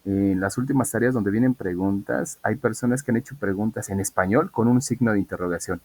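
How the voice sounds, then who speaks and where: A man's voice: fairly low pitch, a little fast, a little mellow. A man teaching an English class online, explaining patiently and asking students questions.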